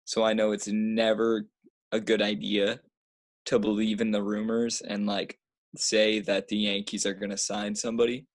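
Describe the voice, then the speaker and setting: Male podcast co-host, low-ish voice, laid-back, hesitant casual sports talk. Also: completely flat delivery, normal speed, no echo.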